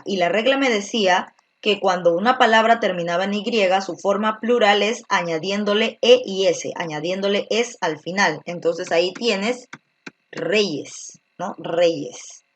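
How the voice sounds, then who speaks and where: A woman's voice: mid-range voice, unhurried, slight background noise. Woman, teacher, online grammar lesson, patient step-by-step explaining, frequent tag questions, mid-range voice.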